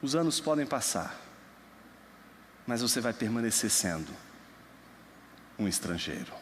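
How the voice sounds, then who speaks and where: A young man from Brazil preaching a sermon, moving between quiet storytelling and loud, emphatic passages. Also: on the low side, sing-song, measured pace, a little hiss or hum. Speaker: pastor. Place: church hall. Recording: long hall reverb.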